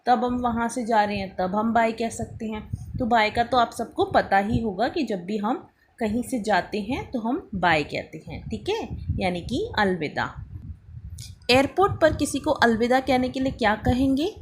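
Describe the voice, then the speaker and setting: Woman, English teacher, beginner lesson in Hindi, slightly high pitch, slow drills, faint background noise. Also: expressive. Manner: slow, spelled-out drill words, prompting students to repeat.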